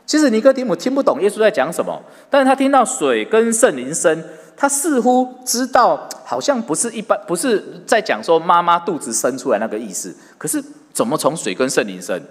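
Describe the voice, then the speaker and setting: Guy preaching, bit high voice, swings up and down a lot, keeps tossing questions at the crowd, long echo. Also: a little fast. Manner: lively storytelling with rhetorical questions to the listeners. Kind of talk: sermon. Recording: long hall reverb.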